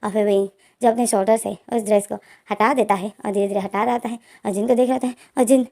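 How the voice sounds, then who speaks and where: A woman's voice: medium pitch, steady tone, fast, dark tone. A woman casually narrating a fan fiction story in long run-on sentences.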